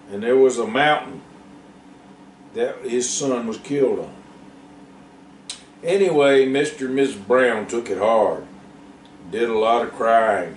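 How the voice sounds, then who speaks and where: A man telling a farm story in a folksy, unhurried way, pausing to think aloud. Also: on the low side, slight background noise. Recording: roomy, distant, faint ambience.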